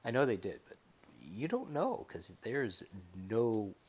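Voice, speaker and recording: A man's voice: mid-range voice, huge pitch swings, a little slow, darkish tone. A man talking casually and a bit hesitantly in a rambling personal vlog from his bedroom, as a patient giving a recovery update. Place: bedroom at home.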